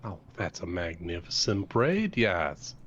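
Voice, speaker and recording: A man voicing a calm, thoughtful woman adventurer who speaks deliberately with many pauses. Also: low-pitched, exaggerated voice. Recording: slightly dull with faint noise.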